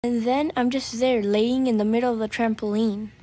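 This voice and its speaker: High, self-mocking young woman storyteller. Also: moderate pace, heavy background noise. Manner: animated, self-mocking, acts out quotes. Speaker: storytelling animator. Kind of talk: comedic storytime narration.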